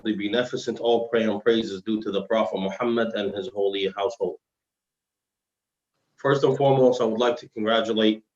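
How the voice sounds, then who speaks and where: A man's voice: lowish voice, darkish tone. A man giving a religious lesson as an Islamic scholar, formal and explanatory, weaving in Arabic phrases, with slightly slurred, heavy-tongued diction. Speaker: Islamic scholar, guest lecturer. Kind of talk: religious lesson in dialogue form. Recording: roomy, dull live-stream sound.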